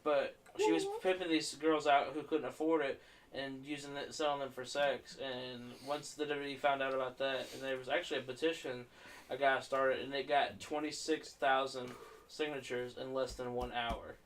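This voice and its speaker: Young man in his twenties, halting. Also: mid-range voice, steady tone. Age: 20s. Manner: halting, with frequent restarts. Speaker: podcast co-host. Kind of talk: casual chat. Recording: somewhat distant mic, faint noise.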